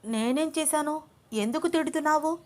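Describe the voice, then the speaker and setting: A woman's voice: sits high, normal speed, voice pushed up, lightly acted. A woman voicing a headstrong young wife and student who answers back in a pouty, defiant way. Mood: protesting.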